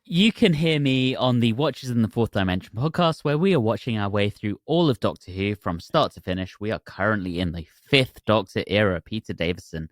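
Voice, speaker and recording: A man's voice: lowish voice, lively intonation, brisk, few pauses, no room sound, studio quality. A man from England, a podcast guest, chatting in a self-deprecating, joking way. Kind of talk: casual chat.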